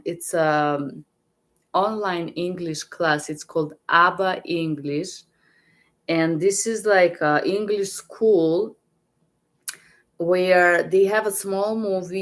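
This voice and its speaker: Teaching casually over a live stream, this medical interpreter trainer speaks in a low voice with a Bulgarian accent. Her pace is slow, and she is halting, frequently repeating words and starting sentences over.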